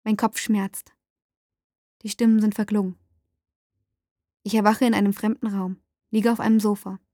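A woman narrating a first-person story aloud, dramatic and rising to shouts in the dialogue. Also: mid-range voice, little pitch movement, moderate pace, no room sound, studio quality.

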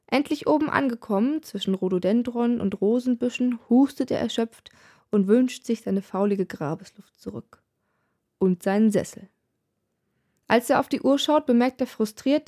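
A woman's voice: fairly high pitch, darkish tone. Woman reading a wry tale aloud. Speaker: narrator. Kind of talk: storytelling reading with character voices.

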